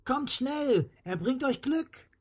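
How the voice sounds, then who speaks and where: A storyteller voicing a hopeful little girl in a children's story, lifting into a much higher, eager voice. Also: lively intonation, slow pace, husky, heavily acted. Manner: eager, bright calls. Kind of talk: storybook reading. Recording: faint music behind.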